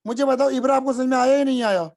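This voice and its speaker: A man's voice: very high voice, fast talker, darkish tone. A man teaching accounting in a casual live class, repeating points and often checking whether students follow. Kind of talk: live online class explanation.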